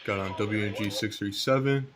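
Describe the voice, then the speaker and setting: Against a noisy background, a young man with a lowish voice and moderate pace rambles hesitantly through his weather radio collection, repeating phrases. It's a casual vlog filmed at home at night.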